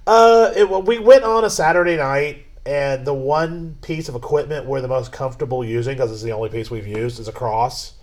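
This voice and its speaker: Rambling, halting man co-hosting. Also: mid-range voice. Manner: rambling, halting storyteller with frequent restarts. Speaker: podcast co-host. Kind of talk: casual chat.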